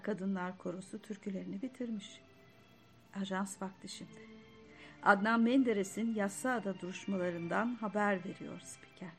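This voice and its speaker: A woman reads a literary story aloud in a measured, reflective voice, at an even middle pitch. Soft music plays faintly behind her.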